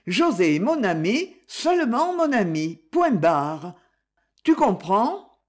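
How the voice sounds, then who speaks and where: Lively outspoken woman, read by a woman, higher, bright, emphatic delivery. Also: slow pace, full character voice. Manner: cheerful, emphatic.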